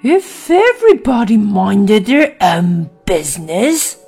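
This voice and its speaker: A woman voicing a loud, bossy noblewoman with a hoarse growl, speaking slowly. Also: medium pitch, very animated, faint music behind, full character voice. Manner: slow, loud, shouting.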